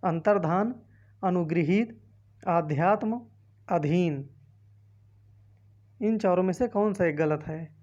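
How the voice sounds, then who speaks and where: A woman's voice: fairly low pitch, slow pace, pauses often, a little mellow, lo-fi sound. A woman teacher reading multiple-choice options aloud one by one and explaining each answer, with a north Indian Hindi accent. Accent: Hindi-speaking north Indian. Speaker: exam-prep teacher. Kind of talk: quiz walkthrough lesson.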